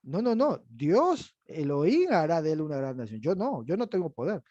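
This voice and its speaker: A man leads a bible lesson in a slightly higher, mellow, dark-toned voice. He explains patiently and keeps checking that his listeners follow along. The sound is dry and a little dull, without much room around it. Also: sing-song, normal speed, no echo. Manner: explanatory, asks the audience "¿verdad?". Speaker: bible teacher. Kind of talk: teaching a bible class.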